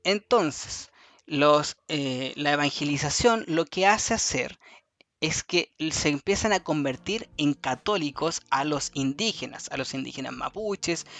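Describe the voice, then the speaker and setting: Man teaching slowly, stressing key words. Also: a little high, fairly bright tone. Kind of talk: classroom review lesson. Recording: faint music behind.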